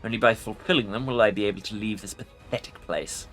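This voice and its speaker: Guy doing an ancient undead lich for a fantasy game, super haughty n imperious, forceful voice, bit of music behind. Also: lowish voice, fast, close to an everyday voice. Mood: irritated, haughty. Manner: pompous, imperious formal speech. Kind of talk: dramatic video game role-play reading.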